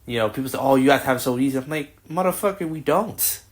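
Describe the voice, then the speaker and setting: A man in his twenties with a mid-range voice talks fast while hosting a podcast. He asks rambling, casual questions packed with restarts, in the style of a relaxed interview chat.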